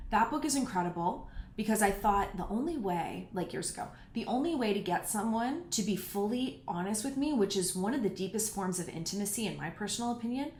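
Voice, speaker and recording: This medium-pitched woman in her 30s runs a casual solo podcast where she handles listener questions with frank, blunt candor about personal subjects. The audio carries roomy echo along with a little hiss or hum.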